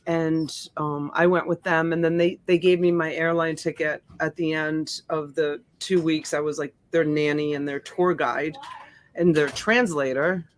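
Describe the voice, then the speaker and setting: Her deep, steady voice unhurried and recorded dry through a USB desk mic, a middle-aged native Italian speaker hosts an auction live-stream. She greets viewers by name and chats casually, with frequent fillers.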